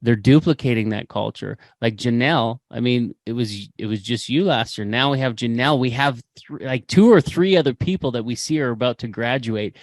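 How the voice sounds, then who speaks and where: A man's voice: mid-range voice, a little fast, hardly any pauses, no echo. A man hosting a podcast, speaking with impassioned, preachy conviction and repeating phrases for emphasis. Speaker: podcast host. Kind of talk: motivational podcast talk.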